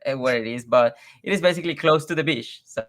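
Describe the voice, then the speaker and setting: Man, English, halting, repeats words, laughs easily, video call guest. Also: mid-range voice. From Mexico. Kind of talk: casual interview chat.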